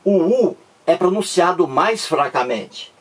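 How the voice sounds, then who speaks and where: A male teacher with a lively-pitched, slightly husky voice works through a grammar point slowly and patiently. He repeats himself and keeps checking that the class is following, and he sounds far from the microphone.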